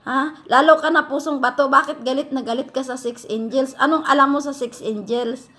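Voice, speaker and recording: A woman in a heated vlog rant, scolding her critics and firing off rapid rhetorical questions. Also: sits high, steady tone, a bit bright. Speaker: vlogger answering critics. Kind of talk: heated direct-to-camera rant.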